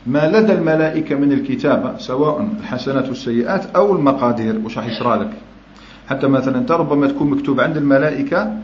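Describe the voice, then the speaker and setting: Man teaching religion in an echoey room. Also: a little high. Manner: explanatory, often checks understanding with "understood?". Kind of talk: religious lesson. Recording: echoey room, dull lo-fi sound, faint noise.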